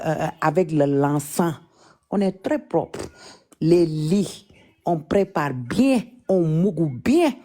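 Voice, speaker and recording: A Senegalese French woman chats on a live stream, teasing and mocking as she drags out her repeated words. Her voice is low and mellow, and she talks at an unhurried, leisurely pace. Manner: teasing, mocking, drawn-out repetitions. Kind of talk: casual live chat.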